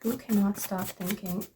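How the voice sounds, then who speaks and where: A woman's voice: mid-range voice, slow, dark tone. A young woman in her twenties doing a casual tarot reading, chatting aloud to her cards and to spirit. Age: 20s. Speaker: tarot reader.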